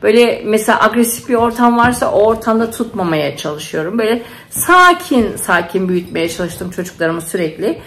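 A woman's voice: medium pitch, lively intonation, fairly quick, few pauses, a bit bright. A middle-aged woman, a nurse and mother, chatting casually to camera at home and telling stories with feeling and lots of fillers. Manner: chatty, emotional storytelling with many fillers.

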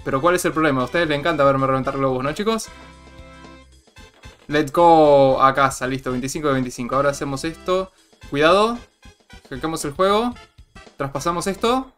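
Boastful young Argentine gamer, slightly high. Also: male voice, fast talker, soft background music. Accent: Argentine Spanish. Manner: playful and boastful, talks to viewers, bursts into excited yells. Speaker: gaming channel host. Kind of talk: gameplay commentary.

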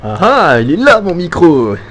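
A man's voice: a little high, wildly swooping pitch, unhurried, crowd noise. A young man giving casual, jokey gameplay commentary through an old phone headset, rambling with many fillers and restarts. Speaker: gaming YouTuber.

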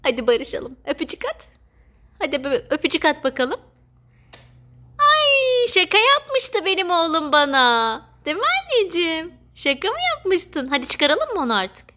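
A woman's voice: very high voice, very animated, moderate pace, pushed and bright. A young mother hosting a family vlog, talking playfully and sweetly to her little son. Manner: cooing and playful, talking to a toddler. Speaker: mother and channel host.

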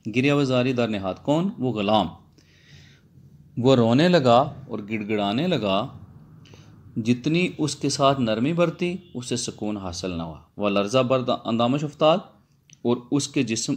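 A man's voice: medium pitch, darkish tone. A man, a Persian lecturer, reads a Persian text phrase by phrase and explains each one again in simple words. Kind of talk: line-by-line text explanation lesson.

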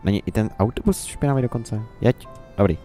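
Young Czech man, low voice, casual rambling let's-play commentary, faint music under it. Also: dark tone. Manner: rambling, musing, talks to himself and the game.

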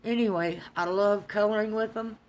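A woman's voice: medium pitch, steady tone, normal speed, muffled recording. A woman chatting casually about art supplies on her channel, rambling and stammering as she repeats herself. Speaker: coloring channel host. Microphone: phone.

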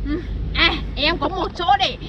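A woman playing a cheeky young woman helper, lively and playful in a comedy skit. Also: extremely high pitch, moderate pace, heavy background noise. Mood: eager.

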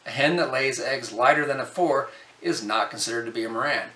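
A middle-aged man delivers a scripted explainer straight to the camera in a steady, even-handed way. His voice is bright and a little tense. The sound is roomy, with the mic set back from him. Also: mid-range voice, a little fast. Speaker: host. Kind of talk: scripted informational narration. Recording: echoey, distant from the mic.

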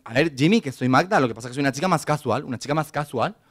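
A man's voice: medium pitch, expressive, rapid-fire, a bit bright, no room sound, studio quality. A man voicing a laid-back young woman who speaks offhand and blunt.

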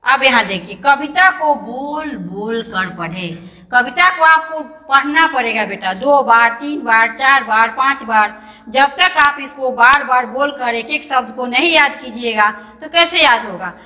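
A woman teacher with a high, bright voice, sounding out each syllable patiently for young pupils. Her voice rings with a long reverb. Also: a little slow. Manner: patient, spells words out syllable by syllable; calls the pupil "beta" fondly. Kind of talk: online class for children.

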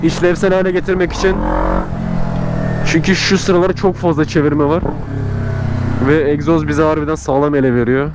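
Male motovlogger, slightly high voice, casual slangy riding commentary, miked inside a helmet with very loud engine and traffic noise. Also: little pitch movement, moderate pace, long pauses. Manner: talking to himself and viewers in slangy asides. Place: inside a motorcycle helmet, riding outdoors on city streets. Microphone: close mic inside the helmet. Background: loud motorcycle and vehicle noise.

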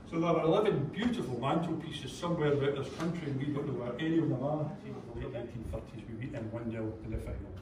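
An older man with a Scottish accent, a tour guide chatting and joking with a group in a large trophy room. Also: a little high. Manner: chatty, jokey, addresses a group. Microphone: visitor's camera from a distance. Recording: echoey room, distant, with crowd noise.

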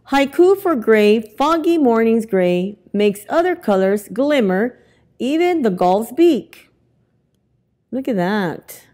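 Among the bookshelves of a library, a middle-aged storytime reader takes her time reading a picture book to young children, her pitch animated and her reading expressive and deliberate. Her voice is captured on a lapel mic.

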